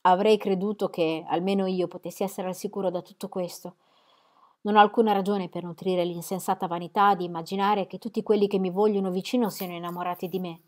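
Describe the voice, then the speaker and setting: A quick-tongued young woman with a spirited, pointed way of speaking, read aloud by a woman. Her voice sits lower than most women's and lifts and sharpens when she argues. A storybook reading. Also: level tone, natural voice. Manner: brisk and pointed, higher and louder than the narration. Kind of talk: audiobook reading.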